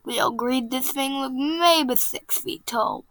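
A woman hosting a casual podcast and reading a spooky story aloud. She is chatty and excitable, and she often breaks into giggles. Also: high voice, unhurried, dry recording. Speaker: podcast host.

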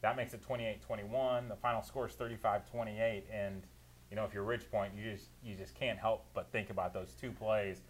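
A man's voice: lowish voice, fairly even intonation, moderate pace. A man working as a producer and analyst, giving detailed, opinionated recaps of football games on a talk show. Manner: detailed play-by-play recaps, opinionated, laughs easily.

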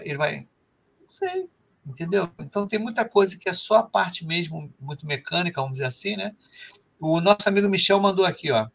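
A podcast host with a Brazilian Portuguese accent rambles through a casual live show, reading out messages from listener chat. His voice is a little high and a bit bright, with vocal fry and a breathy edge.

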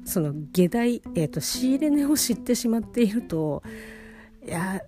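A woman's voice: fairly high pitch, expressive, measured pace, warm tone. A woman chatting casually and sleepily in a rambling audio diary, talking while lying down. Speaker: host of a personal audio diary. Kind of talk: casual monologue diary chat. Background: plucked guitar music.

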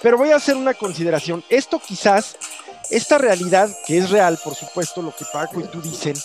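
A thoughtful man guides the discussion at a measured pace, weighing each point. His voice sits fairly high for a man. Faint music plays beneath. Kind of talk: reflective discussion.

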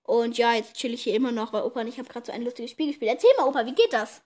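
Loud fast-talking giggly young podcast host. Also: female voice, fairly high pitch. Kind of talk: casual chat.

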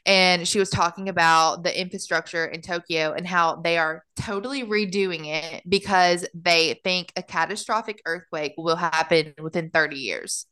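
A woman's voice: on the low side, moderate pace, hardly any pauses, clear, resonant tone. A young woman from the United States co-hosting a podcast, telling stories in a dramatic, playful way. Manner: animated storyteller, dramatic and playful. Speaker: podcast co-host. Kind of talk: casual chat.

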